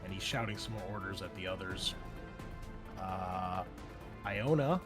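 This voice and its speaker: Over background music, a man narrates a tabletop roleplaying game in a low, unhurried voice. He is the game master and show host, and his style is casual, wry and descriptive.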